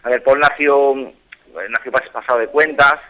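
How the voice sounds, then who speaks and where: A man in his thirties from Barcelona, calling in to a radio show and telling his story earnestly, with many halting restarts. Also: mid-range voice, fairly even intonation, sharp tone, rough recording. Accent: Spanish, from Barcelona. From Spain. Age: 30s. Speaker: caller. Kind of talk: phone-in interview.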